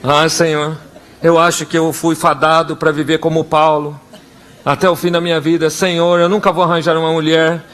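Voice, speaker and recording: Here a young Brazilian man preaches as a pastor, full of energy, voicing short scenes and prayers in various characters. He has a Brazilian Portuguese accent, a fairly high pitch, and a normal pace.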